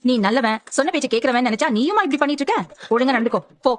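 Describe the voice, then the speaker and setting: A woman's voice: sits high, expressive, very fast. A middle-aged woman playing a mother-in-law in a TV family drama, speaking in a scolding, motherly way. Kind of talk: TV serial acting.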